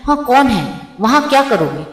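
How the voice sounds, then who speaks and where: A woman voicing a dutiful young man, calm and concerned, in a storybook tale. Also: on the high side, moderate pace, pitched above the performer's own voice. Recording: roomy with long reverb.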